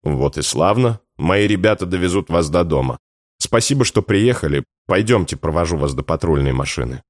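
A man voicing a tired, restrained police investigator who speaks calmly and briefly. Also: low-pitched, moderate pace, dry recording, studio quality.

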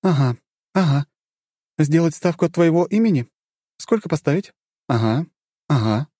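A man voicing a scheming young woman who talks briskly and businesslike. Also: on the high side, expressive, warm tone, no echo, clean studio sound, pitched above the performer's own voice.

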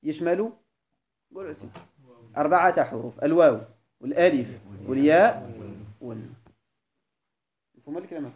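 A man with a Moroccan Arabic accent, teaching a grammar class as a sheikh. He asks his students questions and repeats each definition slowly. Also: on the high side, a little mellow. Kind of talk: classroom lecture.

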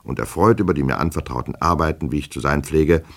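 A man's voice: extremely low pitch, fast talker, creaky, a bit bright, exaggerated voice. A man voicing a nervous, fawning official who stammers and pleads, in an audiobook reading. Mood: pleading. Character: nervous, fawning male official, anxious and flustered.

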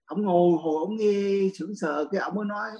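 A man, a Buddhist monk teacher giving a dharma talk Q&A, telling stories lively and laughing often. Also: sits high, a little fast, lo-fi sound.

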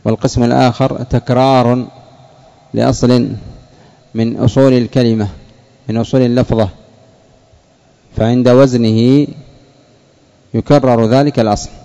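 Gravelly man teaching a slow lesson. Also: medium pitch, little pitch movement, warm tone. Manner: slow, deliberate, repeats key words for students. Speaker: sheikh teaching Arabic morphology. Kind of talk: classroom lesson with questions to students. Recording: dull lo-fi lesson recording.

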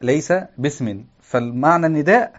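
A man teaches grammar in a lecture style. His voice sits a little high and comes through a dull, lo-fi recording. He often fills pauses with quick questions to the class and chants the verses he quotes. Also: animated. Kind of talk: classroom lesson explaining a grammar text.

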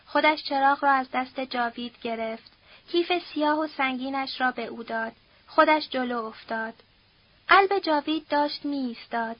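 A woman reading a novel aloud as an audiobook narrator, at a steady, measured pace. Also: high voice, dry recording, highs cut off. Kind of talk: scripted narration.

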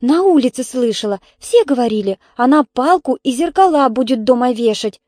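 A woman's voice: high-pitched, expressive, normal speed, darkish tone, dry recording, voice pushed up. A woman doing a small curious little girl. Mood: eager. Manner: wondering, eager.

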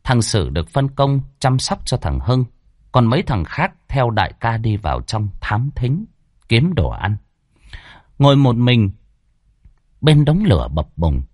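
Husky male ghost-story narrator. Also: medium pitch, sing-song, a little mellow, dry recording, clean studio sound. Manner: dramatic, varied delivery with tense pauses.

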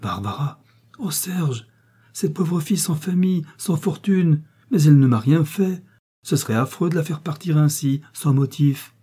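A man's voice: fairly high pitch, expressive, normal speed, mellow, slightly rough, pitched above the performer's own voice. Man voicing a timid young princess. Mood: pleading.

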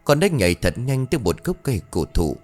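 A man giving expressive ghost story narration. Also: mid-range voice, a little fast, soft background music.

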